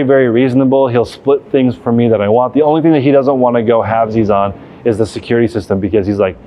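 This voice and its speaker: A man's voice: on the low side, muffled recording. A man speaking casually and off the cuff as a vlog host, walking through a large empty warehouse. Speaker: vlog host, reselling business owner. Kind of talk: casual unscripted walk-through tour.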